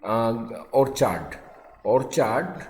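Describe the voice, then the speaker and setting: A male English teacher giving a grammar lesson, dictating English phrases slowly and explaining briskly in Hindi. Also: medium pitch, sing-song, darkish tone. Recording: echoey room with long reverb.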